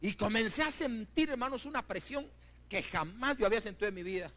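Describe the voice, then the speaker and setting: A middle-aged man preaching a sermon in a church, telling a personal story with fervor, swinging between loud peaks and hushed asides and calling the congregation brothers. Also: sits high, lively intonation, fairly quick. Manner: keeps addressing the congregation as brothers. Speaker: pastor. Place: church building.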